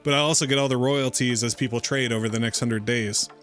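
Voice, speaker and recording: A man's voice: medium pitch, fairly even intonation, quick pace, a bit bright, soft background music. A man hosting a casual crypto livestream, talking in a fired-up, rambling way with frequent restarts. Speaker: livestream host.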